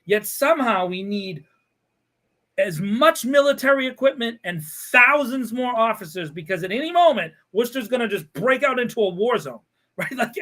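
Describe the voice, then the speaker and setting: A man hosting a podcast, ranting in a sarcastic, animated way with frequent laughter. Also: very high-pitched. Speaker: podcast host. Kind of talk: casual podcast chat.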